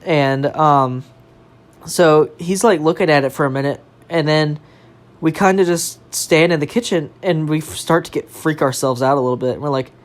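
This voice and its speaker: A young adult on a podcast telling a ghost story in casual chat, animated, swearing freely and laughing along. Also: medium pitch, normal speed.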